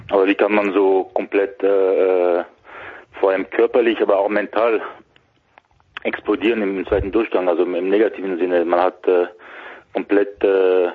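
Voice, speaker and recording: A man calling in as a football expert guest over a telephone line, analysing a match on a sports radio show and pausing often with filler sounds. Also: deep voice, breathy edge. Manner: hesitant, many filler sounds. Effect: heard over a telephone line. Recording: narrow phone-line sound.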